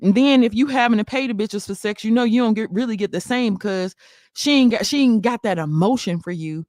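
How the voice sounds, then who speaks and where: A woman's voice: a little high, a little fast, a little mellow, dry recording, studio quality. A woman, hosting a casual commentary stream, sassy and laughing, firing off emphatic rhetorical questions.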